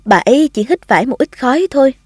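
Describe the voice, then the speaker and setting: A gentle firefighter, as a woman reads him. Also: high-pitched, expressive, quick pace, no echo, studio quality. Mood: reassuring. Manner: gentle, reassuring. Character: calm, kindly adult male firefighter.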